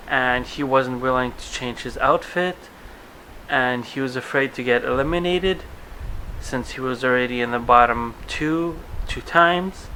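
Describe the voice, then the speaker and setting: A man's voice: medium pitch, pushed and bright, a little hiss or hum, low-quality recording. A man with a Russian accent recapping a TV episode in a chatty, rambling vlog full of asides. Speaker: vlogger reviewing a TV show.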